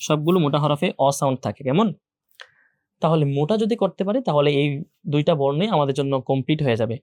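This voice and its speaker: A man's voice: a little high, expressive, fast, darkish tone, no room sound, clean studio sound. A young man teaching an online Quran class, who patiently repeats each letter sound again and again for his students. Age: young adult.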